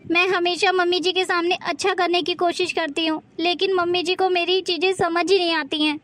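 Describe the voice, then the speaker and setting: A woman's voice: very high voice, flat delivery, fairly quick. A woman playing a meek, hurt daughter-in-law. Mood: sad. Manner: plaintive, soft-spoken. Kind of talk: family drama skit.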